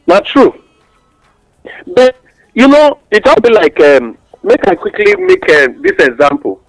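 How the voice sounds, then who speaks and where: A man's voice: high-pitched, huge pitch swings, measured pace, no room sound, soft background music, rough recording. A man with a Nigerian accent explaining things in West African Pidgin English, teaching through examples and rhetorical questions as a radio guest giving advice.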